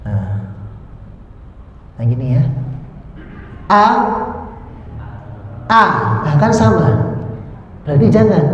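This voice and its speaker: A man with a Javanese accent teaching parents in a lecture, speaking deliberately, repeating key points and demonstrating sounds. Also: high-pitched, darkish tone. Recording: dull echoey hall with faint noise.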